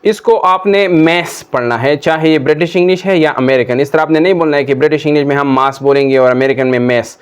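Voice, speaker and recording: A man teaching pronunciation in a slow, deliberate classroom manner, modeling words one by one and checking in with "okay". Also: fairly high pitch, clear, resonant tone. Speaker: English teacher. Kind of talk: classroom lesson explaining pronunciation.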